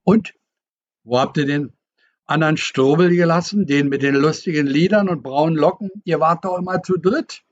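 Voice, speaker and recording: A man voicing a hearty, teasing old fisherman who talks in a booming, folksy dialect, on a dull lo-fi recording. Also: normal speed, lightly acted.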